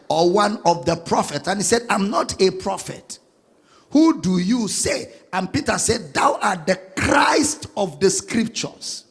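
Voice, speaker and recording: Male pastor, sermon, sings out verses, very lively pitch, high voice. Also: slightly rough, long reverb tail. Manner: animated preaching, sings out scripture, spells words slowly.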